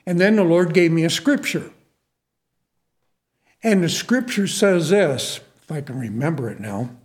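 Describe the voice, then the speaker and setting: Slow-talking preacher guy, kinda high voice, folksy and earnest, keeps repeating himself. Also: expressive. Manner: folksy and earnest, repeats words, calls out "Amen?". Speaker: preacher and prison minister. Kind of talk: storytelling sermon.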